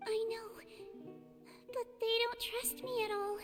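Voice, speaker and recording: Tiny, very high-voiced girl healer. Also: level tone, a little slow. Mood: earnest. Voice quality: small childlike voice. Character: small young girl healer, earnest and determined. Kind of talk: video game story dialogue. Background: music.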